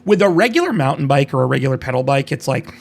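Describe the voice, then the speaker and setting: A man's voice: medium pitch, big pitch swings, fast talker, gravelly. A man co-hosting a podcast in casual banter, ranting and teasing with plenty of swearing. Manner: foul-mouthed ranting and teasing. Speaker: podcast co-host.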